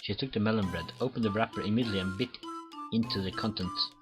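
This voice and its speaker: A lowish-voiced man reads visual novel text quickly as a let's play host, often tripping over words and restarting. Game music is clearly audible in the background.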